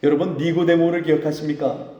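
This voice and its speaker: Male pastor, warm mellow tone, emphatic preaching, big echoing church hall. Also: fairly high pitch, steady tone, quick pace, highs cut off, slight background noise. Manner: emphatic preaching with acted quotes of dialogue. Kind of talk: sermon. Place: church sanctuary. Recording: roomy church hall with long reverb.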